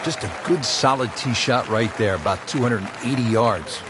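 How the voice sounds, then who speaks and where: A man doing play-by-play commentary on a golf broadcast, with a smooth, measured announcer delivery. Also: mid-range voice, over a noisy crowd, heavy background noise. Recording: game broadcast with music behind.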